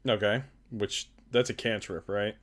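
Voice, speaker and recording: Male game master, casual tabletop narration, bright and forceful tone. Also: fairly low pitch, steady tone, unhurried.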